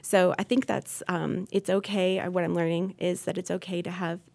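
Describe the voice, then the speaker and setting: A woman in her thirties, a podcast guest, talking earnestly and thoughtfully on a faith podcast, pausing and restarting as she thinks. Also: fairly low pitch, flat delivery, vocal fry, darkish tone. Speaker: podcast guest, incoming host.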